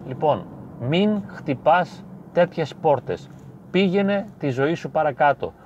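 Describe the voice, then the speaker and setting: A man, a psychologist, gives advice straight to the listener in an emphatic, repetitive way, with slow, weighty phrasing. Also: a little high, animated, darkish tone. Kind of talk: direct-to-camera advice monologue. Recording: slightly dull lo-fi sound with faint street noise.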